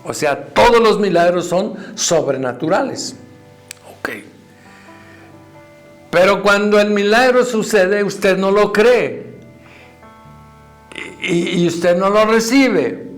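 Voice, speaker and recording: A man's voice: high-pitched, animated, slow, pauses often, soft background music. A man with a Mexican accent preaching a sermon in a conversational way, repeating words and acting out what people say.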